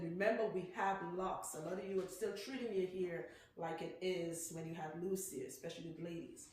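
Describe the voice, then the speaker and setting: Chatty and teasing, a loctician with a Trinidadian accent demonstrates hair care in a salon, constantly tossing in "right?" and "okay?". She speaks low with a darkish tone, recorded in a very reverberant room with faint noise.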